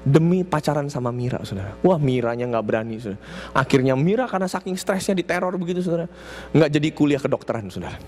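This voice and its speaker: A male preacher tells a story during a church service, repeatedly calling the congregation brothers and sisters and acting out quotes with animated delivery. His voice is slightly high, and there is a bit of hiss or hum.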